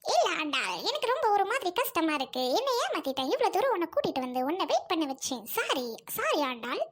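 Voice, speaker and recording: Brief: woman as a bossy, dramatic young lover, Trichy Tamil accent, very high, swinging voice. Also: big pitch swings, fast. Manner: bossy, melodramatic, scolding. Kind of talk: comedy skit acting.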